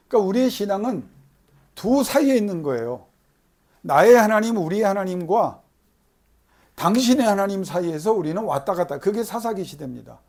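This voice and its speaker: A man delivers a sermon in a noticeably high voice. He poses questions to the congregation and answers them himself. He pushes louder and harder on the phrases he wants to land. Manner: emphatic, swelling louder on key phrases. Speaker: pastor. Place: church service.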